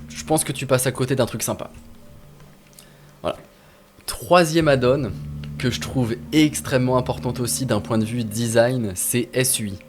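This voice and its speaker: A man casually walking viewers through game add-ons on screen, talking informally with many fillers and restarts. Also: medium pitch. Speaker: gaming video host. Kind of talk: casual screen-share tutorial.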